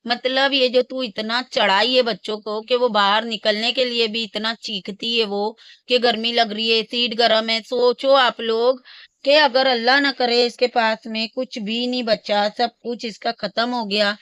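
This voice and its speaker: Woman, reaction host, scolding and scornful, somewhat high pitch, dry close sound. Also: flat delivery, measured pace, a bit bright, smooth, no room sound. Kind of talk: casual ranting commentary.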